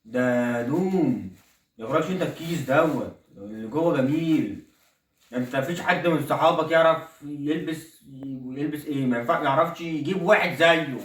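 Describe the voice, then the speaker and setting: Brief: man as boastful Egyptian comedy-sketch dad, fast talker, echoey far-off room sound. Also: fairly high pitch, fairly bright tone, natural voice. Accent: Egyptian Arabic. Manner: boastful, coaxing, keeps saying look. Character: middle-aged Egyptian dad, stingy, boastful salesman of cheap shirts. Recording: roomy echo, voice far from the mic.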